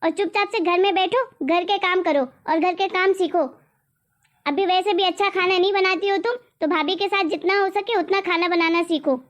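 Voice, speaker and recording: A woman's voice: very high voice, fairly even intonation, moderate pace, fairly bright tone. A woman voicing a strict, nagging middle-aged mother in a cartoon story, lecturing and scolding.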